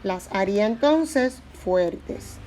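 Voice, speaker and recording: A woman's voice: medium pitch, lively intonation, slow, dark tone, faint music behind. A woman teaching a Spanish grammar lesson, explaining patiently and repeating her examples.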